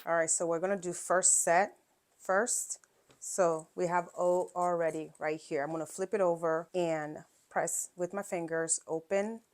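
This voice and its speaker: A woman with a somewhat low voice talks through a quilting project step by step. Her delivery is loose and chatty, full of fillers and quick check-ins with the viewer. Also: steady tone. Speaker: quilting channel host. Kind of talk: casual sewing tutorial.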